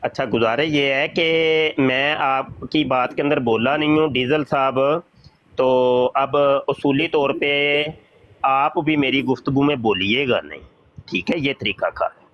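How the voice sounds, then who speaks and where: A man, a mufti, arguing a religious point in a debate, deliberate and pressing, correcting his opponent's words. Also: mid-range voice, no room sound. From Pakistan. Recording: dull, lo-fi sound.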